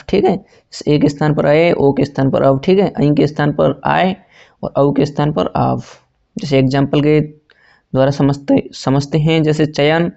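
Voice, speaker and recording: A male teacher's voice that is gravelly and mellow, delivered on a flat, even pitch. He works through a grammar lesson for exam preparation, repeatedly posing questions to his students and then answering them himself. The recording sounds dull and lo-fi. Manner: repetitive, asks and answers own questions; self-correcting, says sorry mid-sentence.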